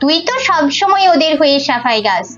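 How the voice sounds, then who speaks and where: A woman's voice: sits high, big pitch swings, a little fast, a bit bright. A woman voicing a strict, anxious mother who scolds her children and worries that they will get hurt. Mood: scolding. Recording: slightly muffled with faint music.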